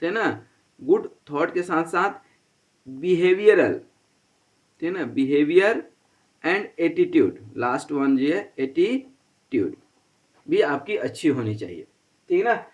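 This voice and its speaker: Guy teaching an engineering class, kinda high voice, preachy rhyming bits, keeps saying "theek hai na", mic a bit far off. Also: big pitch swings, takes it slowly, pauses often. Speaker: engineering lecturer. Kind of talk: recorded classroom lecture.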